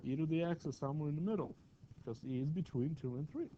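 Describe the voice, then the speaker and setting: A man's voice: fairly high pitch, fast talker, warm tone, lo-fi sound, a little hiss or hum. A man teaching a math class in a classroom, chatty and often asking his students questions. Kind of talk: classroom lecture.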